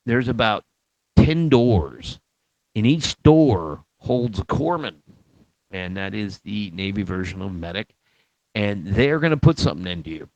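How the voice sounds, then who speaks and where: A man's voice: fairly low pitch, no room sound. A middle-aged man, a Marine veteran, telling a rambling story in casual, profane talk with frequent chuckles. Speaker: Marine veteran recounting boot camp. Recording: dull lo-fi, dry.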